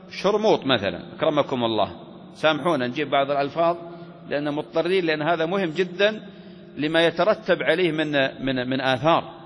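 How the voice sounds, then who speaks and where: A man's voice: fairly high pitch, fairly bright tone. A man teaching Islamic jurisprudence, asking his class questions and answering them himself. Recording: reverberant hall with faint ambient noise.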